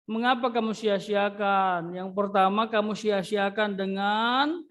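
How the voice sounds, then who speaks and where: A high-voiced man lectures his religion class in an exasperated, scolding tone. He keeps dropping English interjections as he corrects his students. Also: steady tone, unhurried, fairly bright tone. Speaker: religion teacher.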